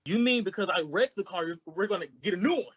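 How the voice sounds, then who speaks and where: A performer plays a bumbling, easily confused male sidekick in an old-time radio comedy, baffled yet full of wisecracking comebacks. The voice is medium-pitched, expressive, fast and slightly rough, and the recording has its highs cut off.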